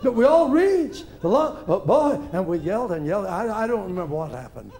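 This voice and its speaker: A man preaching a testimony as a story, animated, with stammered repeats and chuckling asides. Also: high-pitched, a little fast.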